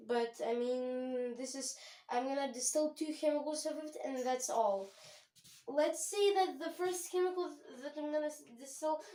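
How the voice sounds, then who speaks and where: High-voiced woman in an echoey room. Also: moderate pace, mellow, slight background noise. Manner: rambling, self-correcting, chatty. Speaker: home chemistry channel host. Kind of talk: casual lab tour. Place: home chemistry lab.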